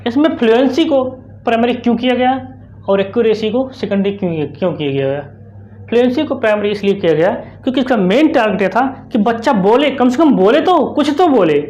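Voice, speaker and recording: A young woman with an Indian accent teaching an online exam-prep lesson, putting quick questions to the class and answering them herself, repeating the key terms. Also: fairly high pitch, animated, dark tone, muffled recording. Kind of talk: explanatory online lecture.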